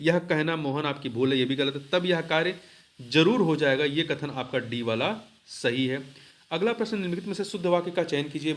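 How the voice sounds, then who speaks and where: Hindi tutor man with a high voice. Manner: repeats answers with rhetorical questions. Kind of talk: explaining test answers.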